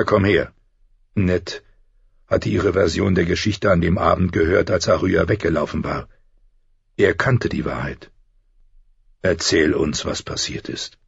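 A man's voice: deep voice, vocal fry, slightly rough, dry recording. A man reading a fantasy audiobook expressively, voicing each character himself. The recording sounds slightly dull. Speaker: audiobook narrator. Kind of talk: scripted fantasy narration.

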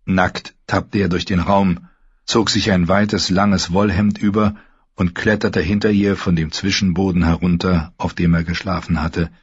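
A man narrating a story in a calm, measured storytelling manner. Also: low voice, breathy edge, dry recording. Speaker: audiobook narrator. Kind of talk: scripted narration. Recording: dull lo-fi recording.

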